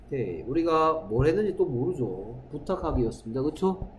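A male English teacher, giving a classroom lecture and drilling English phrases slowly. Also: medium pitch, big pitch swings, slight background noise, poor audio. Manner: drills phrases slowly, acts out loud quarrels with students.

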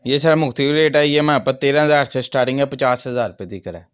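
A Pakistani-accented shop owner in his thirties explains products and prices in an interview inside a small, crowded furniture shop, with the interviewer holding a handheld mic. He speaks quickly in a mid-range, fairly bright, clear and resonant voice, though the highs are cut off.

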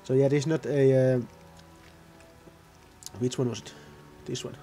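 A man's voice: medium pitch, level tone, unhurried, warm tone, soft background music. A man giving casual, rambling gameplay commentary, often correcting himself mid-sentence. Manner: rambling, self-correcting, offhand. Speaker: gaming video host.

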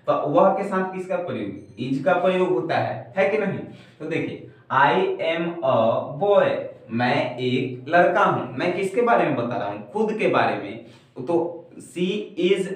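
A young man in his twenties teaching a basic spoken English lesson in a classroom at a whiteboard. He repeats each example sentence slowly and patiently. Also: on the high side, lively intonation, distant mic. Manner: slow, repetitive teaching, saying each example twice. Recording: very echoey room, heard from afar.

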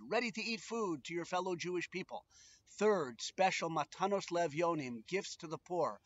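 Male rabbi, middle-aged, Brooklyn accent, high voice, playful emphatic delivery, slightly muffled outdoor camera sound. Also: fairly bright tone, dry recording. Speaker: rabbi and presenter. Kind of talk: informal video talk with religious teaching. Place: outdoors on a back porch.

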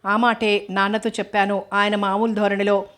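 Steady, even-toned woman narrating a novel. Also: medium pitch, normal speed. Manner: steady, even storytelling read. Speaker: audiobook narrator.

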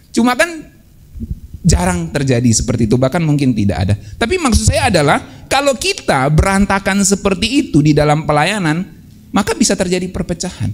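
A male preacher with a fairly high voice delivers a relaxed, humorous sermon. He jokes with the congregation and voices playful mock quotes. He keeps turning back to them as brothers and sisters. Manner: addresses listeners as "saudara" often.

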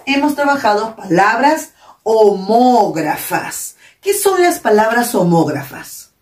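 A woman's voice: a little high, very animated, slow, a little mellow. A woman with a Peruvian Spanish accent, a primary school teacher reviewing a lesson for young pupils, encouraging and praising often. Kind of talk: recorded online class review. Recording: echoey room, mic at a distance.

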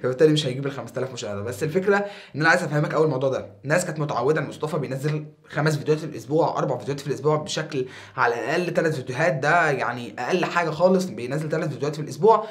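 A twentysomething YouTuber with an Egyptian Arabic accent chats casually to camera from a small room lined with foam panels. His voice is a little high and very fast, and he seems animated yet somewhat tired, gesturing a lot with his hands.

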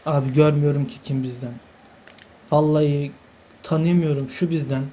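A man's voice: on the high side, fairly even intonation, moderate pace, dark tone, a little hiss or hum. Frustrated young man narrating a football game. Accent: Turkish. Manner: exasperated, talks to players on screen, swears by God, repeats himself. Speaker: gaming channel host. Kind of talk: live gameplay commentary.

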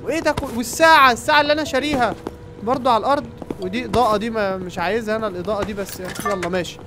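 A young man with an Egyptian Arabic accent giving excited running commentary on a game and talking to his viewers. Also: high voice, rapid-fire, background noise. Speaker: gaming YouTuber. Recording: game music playing behind.

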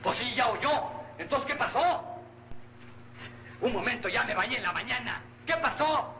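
An actor with a Mexican accent playing a cheeky, hungry young slacker, wheedling and fussy, in an old film comedy. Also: male voice, extremely high pitch, lively intonation, a little slow, bright, forceful tone, exaggerated voice. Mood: wheedling, mock-polite. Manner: wheedling, impudent, fussy with diminutives. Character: cheeky, hungry, lazy young cyclist working at a tailor's. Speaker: comic actor. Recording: roomy, noisy old film soundtrack.

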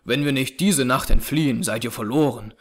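A man reading aloud, voicing a grim, determined young frontier hunter in a low, hushed, firm tone. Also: moderate pace, natural voice. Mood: urgent. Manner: urgent, clipped and firm. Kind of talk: audiobook character reading.

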